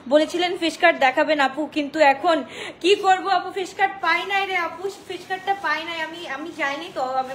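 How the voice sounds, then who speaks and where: A woman from Bangladesh runs a live sales stream from home, loud and chatty, slipping English phrases into her talk as she answers viewers. Her voice sits high and the words come quickly. The room around her is echoey, with a faint hiss of background noise. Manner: chatty, mixes English into Bengali, addresses viewers as apu; talks loudly on purpose. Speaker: online dress seller. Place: indoors, home.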